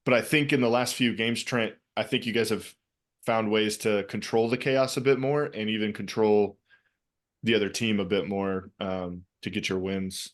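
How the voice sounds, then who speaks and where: A man's voice: on the low side, fairly even intonation, normal speed. A man co-hosting a casual soccer podcast over a video call, rambling with lots of fillers and restarts. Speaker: podcast co-host.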